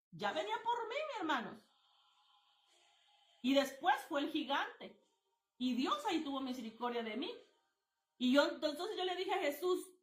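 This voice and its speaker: A woman with a high voice tells her testimony as a minister in a live Bible stream. She talks in an earnest, animated way, calling her listeners brother and restarting her phrases. The sound is roomy, with a clear echo around her.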